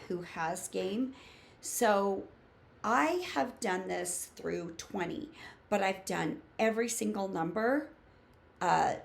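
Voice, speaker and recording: A woman's voice: lowish voice, creaky. A woman in her fifties giving casual, emphatic instruction to camera as a preschool teaching coach, listing points in short phrases. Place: small home room with bookshelves.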